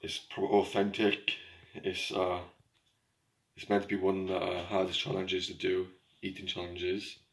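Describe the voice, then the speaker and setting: A man's voice: low voice, completely flat delivery, a little slow. A young man vlogging a food challenge in a kitchen, chatting casually to his viewers. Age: young adult. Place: small home kitchen. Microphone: handheld camera. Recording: noisy handheld camera recording.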